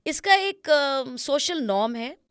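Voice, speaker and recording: Speaking slowly in a high, animated, fairly bright voice, this woman is an image consultant appearing as an interview guest. She explains things patiently and instructively, slipping English phrases into Hindi, and the studio-quality recording has no room sound.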